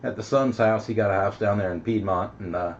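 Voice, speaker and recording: A middle-aged man with a lowish voice talks a little fast, hosting casually and folksily over CB radio from his home base station. The CB audio is dull and noisy.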